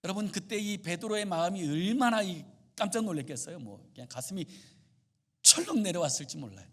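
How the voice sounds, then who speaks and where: A male pastor delivering a sermon dramatically, swinging from loud exclamations to hushed murmurs. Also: sits high, lively intonation, fairly quick.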